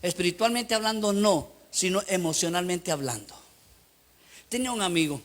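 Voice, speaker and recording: A middle-aged man with a Costa Rican accent preaching a sermon as pastor, emphatic and telling lively anecdotes. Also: sits high, moderate pace. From Costa Rica.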